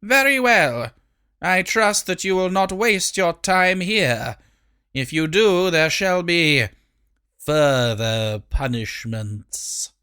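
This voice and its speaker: A man's voice: sits high, lively intonation, slow, sharp tone, clear, resonant tone, voice pushed up, full character voice. A haughty, menacing evil queen speaks in a raised, strained voice that sounds unlike the narrator's own, as a man puts her on. She gives orders sharply and suspiciously. This is a storybook reading. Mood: commanding.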